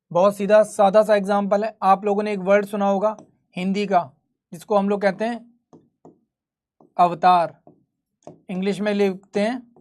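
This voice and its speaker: A man's voice: sits high, a little mellow. Man teaching a live class. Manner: conversational, quizzing students and answering his own questions. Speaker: history teacher. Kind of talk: live online class lecture.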